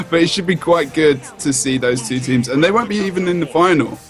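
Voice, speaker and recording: A man's voice: fairly high pitch, a little fast, music in the background. A man co-commentating an esports match, giving loose, casual analysis with frequent restarts. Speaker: esports co-caster.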